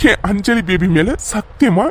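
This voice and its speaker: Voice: mid-range voice, expressive, measured pace, background noise, natural voice. A voice actor playing a playful young cartoon lover who keeps begging forgiveness in a wheedling, apologetic way. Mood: pleading. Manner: wheedling, apologetic with repeated endearments. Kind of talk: cartoon voice acting.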